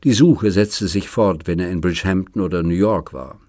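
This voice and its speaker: A man narrating an audiobook in a calm, even storytelling manner. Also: sits low, normal speed, no echo, clean studio sound. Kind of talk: scripted narration.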